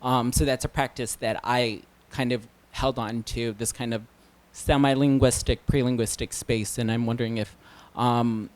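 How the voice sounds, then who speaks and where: A man from Detroit asking a long question from the audience at a book reading, with many pauses and ums. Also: mid-range voice, fairly even intonation. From Detroit, United States. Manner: hesitant, many ums and uhs.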